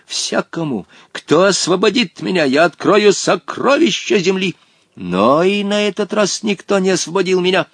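A man's voice: on the high side, gravelly, dry recording, voice pushed up, exaggerated voice. A man voicing a pompous, wrathful old male genie in an audiobook, speaking in archaic, threatening phrases. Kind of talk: audiobook character voice.

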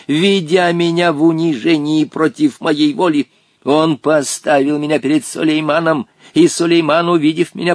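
A man's voice: on the high side, vocal fry, no echo, clean studio sound, voice pushed up. A man voicing a pompous, wrathful old male genie in an audiobook, speaking in archaic, threatening phrases. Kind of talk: audiobook character voice.

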